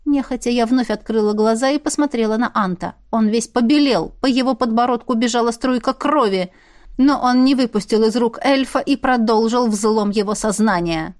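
A woman reading a first-person fantasy novel aloud in a wry, lively way. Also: on the high side, normal speed. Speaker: audiobook reader.

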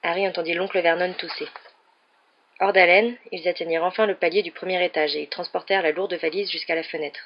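Steady audiobook storyteller, muffled audio. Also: medium pitch, fast talker. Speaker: audiobook reader. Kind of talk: scripted narration.

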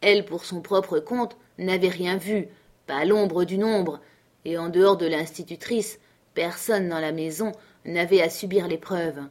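A woman reads a classic novel aloud in a measured, clear audiobook narration. Her voice sits a little lower than most. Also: steady tone, a little mellow.

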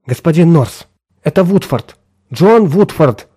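A man's voice: on the high side, expressive, a little slow, husky, voice pushed up. A man voicing a frantic clerk thought dead. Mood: desperate pleading. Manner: pleading, insistent, near shouting. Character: desperate middle-aged man, office clerk thought dead.

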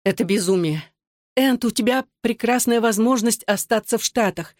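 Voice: mid-range voice, moderate pace, no echo, studio quality, pitched above the performer's own voice, natural voice. An audiobook reader voicing a desperate mother trying to make peace, pleading and crying out between husband and son. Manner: pleading, cries out. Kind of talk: audiobook reading.

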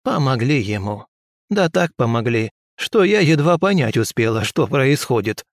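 A man's voice: medium pitch, very animated, moderate pace, dry recording, clean studio sound. A man voicing a shrewd, bossy old village wise woman with a folksy, scolding manner. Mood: grumbling. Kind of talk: audiobook character voice.

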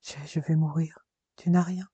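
A man voicing a dying young woman, speaking in a faint, hushed whisper. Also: a little high, little pitch movement, a little slow, slightly rough, no room sound, muffled recording.

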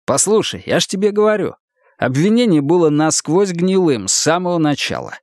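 A loud-mouthed, swaggering ex-cop , put on by a male narrator, talks fast and rough, his voice pushed noticeably higher than the narrator's own. His lines come out coarse and insistent, the storybook reading recorded close and dry. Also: sing-song, no echo. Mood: pushy. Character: brash, profane, pushy ex-cop man, middle-aged.

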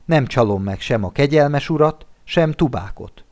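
A man's voice: medium pitch, lively intonation, a little mellow, pitched above the performer's own voice, lightly acted. A man reading a storybook and voicing an aging, proud and self-pitying kept woman in a raised, plaintive voice. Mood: stern.

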